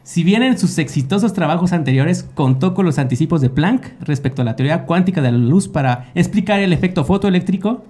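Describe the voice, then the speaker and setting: A man's voice: on the high side, expressive, brisk, hardly any pauses, darkish tone. A man reading a biography aloud in Spanish as a co-host, putting on exaggerated German pronunciation. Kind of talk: reading a biography aloud in a jokey group show.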